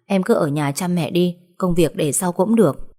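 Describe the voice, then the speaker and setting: A woman's voice: lowish voice, normal speed, dark tone, lightly acted. A woman voicing a caring, protective young man who speaks urgently and firmly. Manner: urgent, firm and reassuring.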